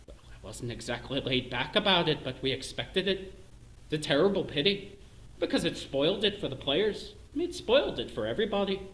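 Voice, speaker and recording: An actor voicing a mild-mannered Northern Irish colleague, low and measured, gently regretful. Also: male voice, very animated. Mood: rueful. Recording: roomy echo.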